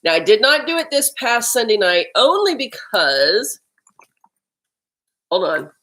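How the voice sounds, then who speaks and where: A woman's voice: on the high side, big pitch swings, a little slow, bright, forceful tone, poor audio. Chatty woman hosting a live stream. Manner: chatty, talks while eating lunch. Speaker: health vlog host. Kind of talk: casual live-stream chat. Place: home.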